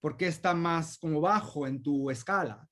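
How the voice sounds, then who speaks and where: A man's voice: fairly high pitch, moderate pace, a bit bright. A man, the guest speaker, answering audience questions in an academic discussion over a video call and explaining thoughtfully with many examples.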